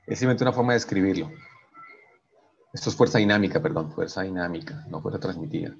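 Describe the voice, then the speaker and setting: A man's voice: low-pitched, quick pace, vocal fry, muffled recording, a little hiss or hum. A man teaching an engineering class online, working through equations step by step and checking in with "right?" after each step, often restarting his sentences. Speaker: engineering professor.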